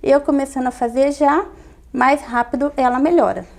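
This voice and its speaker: A woman pediatrician calmly explaining step by step in an interview, repeating key points. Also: high-pitched, normal speed, vocal fry. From Brazil.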